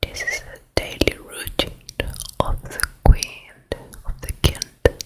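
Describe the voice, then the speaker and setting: An ASMR performer whispers in a hushed, deliberate way, playing a vain and commanding fairytale queen. She is a woman doing a roleplay.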